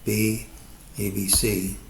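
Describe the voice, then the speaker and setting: A man talking through a stock market chart forecast in a measured, cautious way, often hedging his calls. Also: lowish voice, little pitch movement, creaky, echoey room, slight background noise. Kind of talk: chart analysis monologue.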